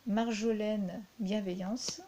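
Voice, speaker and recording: A woman's voice: medium pitch, steady tone, takes it slowly, warm tone, a little hiss or hum. A woman with a French accent reviewing a deck of cards, talking unhurriedly with frequent fillers and repeated words.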